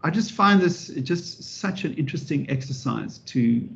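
A man giving an interactive public lecture as a professor, lively and animated, often restarting his sentences and adding wry asides. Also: fairly high pitch, measured pace, vocal fry. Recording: dull lo-fi recording.

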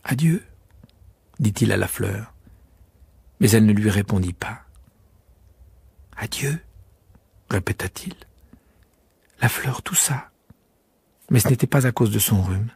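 A man narrating a children's audiobook in an expressive, hushed way, often dropping near a whisper. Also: on the low side, fairly quick, gravelly, slightly rough, no room sound.

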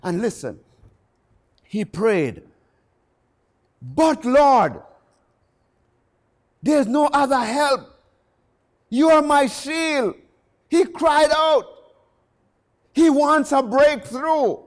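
High-pitched, slow, impassioned male preacher. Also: lively intonation. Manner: impassioned, rising to shouts on key phrases. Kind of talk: sermon.

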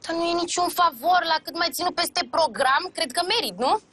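A woman's voice: very high voice, pushed and bright. An actress playing a pushy secretary who wheedles her boss for an apartment. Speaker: mayor's secretary. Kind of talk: sitcom acting.

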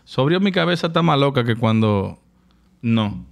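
A man's voice: medium pitch, animated, normal speed, gravelly. A man with a Dominican accent, a podcast guest in casual banter, teasing and blunt with plenty of swearing.

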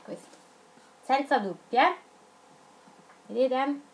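A woman teaching young children in a video lesson, dictating words slowly and spelling them out syllable by syllable. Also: high-pitched, a little hiss or hum. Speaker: primary school teacher.

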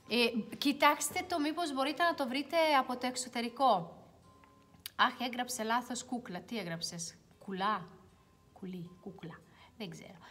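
Chatty young woman on a livestream. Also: fairly high pitch. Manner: chatty, reads viewer comments aloud, drops to quiet mutters while searching. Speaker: beauty livestream host. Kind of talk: casual livestream chat. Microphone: phone.

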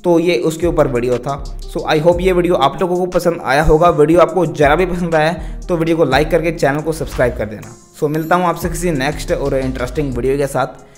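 With a brisk, high-leaning voice, the young man behind a tech channel gives product tips to camera, repeatedly turning to his viewers as he explains. The setting is a small decorated room with music in the background, and his mic is a hand-held wired lavalier.

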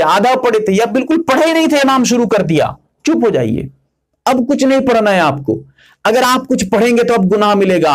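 A man, an Islamic scholar, giving religious instruction in an earnest, emphatic way, repeating key points step by step. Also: on the high side.

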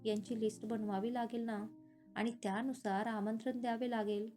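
A woman's voice: on the high side, level tone, normal speed, mellow, faint music behind, close to an everyday voice. A woman reading as a practical young planner. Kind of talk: storybook reading.

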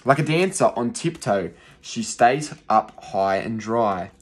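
Seated in a small room, this young adult male teacher gives a rhyming picture book a rhythmic, expressive reading for young children. His pitch is medium and he takes his time, captured by a phone held close in front.

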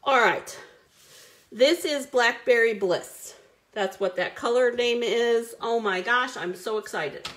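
A woman's voice: a little high, takes it slowly, fairly bright tone. A woman hosting a live card-making stream, chatty and bubbly, greeting viewers by name as she works. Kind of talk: live crafting stream chat.

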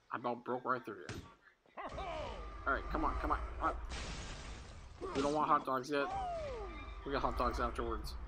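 Playful man narrating gameplay, noisy recording. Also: mid-range voice. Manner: playful, excitable, talks to his child while playing. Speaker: gameplay video host. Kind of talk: casual gameplay commentary.

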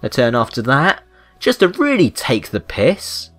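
This is a British man's rambling, unscripted take on a video game, wry and mock-indignant in manner. His voice sits mid-range and a bit bright, moving at a measured pace with huge pitch swings, and music runs underneath.

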